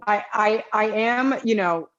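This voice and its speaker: A woman's voice: mid-range voice, unhurried, fairly bright tone, dry recording. A woman co-hosting a casual podcast chat, with a dry, sardonic humor. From United States. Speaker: podcast co-host. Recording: slightly dull lo-fi sound.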